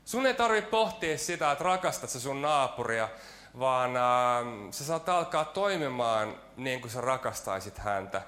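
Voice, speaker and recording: A man delivers a sermon in a church, weaving a personal anecdote with self-mocking asides. He talks loosely and hesitantly, full of fillers and restarts. His voice sits at an ordinary middle pitch. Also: lively intonation, pushed and bright. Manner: storytelling with self-deprecating jokes and frequent fillers. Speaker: preacher.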